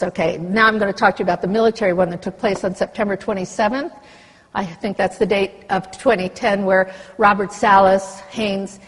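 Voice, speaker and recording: An older woman at a conference lectern, speaking with passion and breaking off from the text she reads for sharp asides. Her voice is husky and a little breathy, and the long reverb of a big hall trails after every phrase. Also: medium pitch. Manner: impassioned, reads treaty text aloud with asides. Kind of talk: conference speech.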